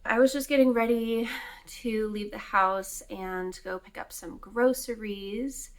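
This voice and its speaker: Woman, twenties, casual vlog chat, slow easygoing pace, light laughs and fillers. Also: mid-range voice, steady tone. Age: 20s. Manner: chatty and unhurried, with fillers and little laughs. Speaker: vlogger. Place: home kitchen.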